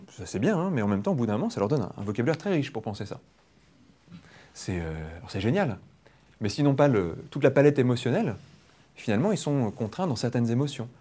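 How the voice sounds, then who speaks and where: A man leading a public hypnosis demonstration, explaining quickly and playfully to a live audience. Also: lowish voice, mellow. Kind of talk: lively teaching talk to a live audience. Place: training room with an audience.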